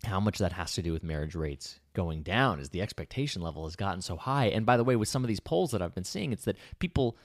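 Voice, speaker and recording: A man's voice: low voice, lively intonation, quick pace, few pauses, no echo, clean studio sound. A man co-hosting a casual talk show, a public speaker who reflects aloud and often restarts his sentences while thinking. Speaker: podcast co-host and public speaker. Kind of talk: casual conversational chat.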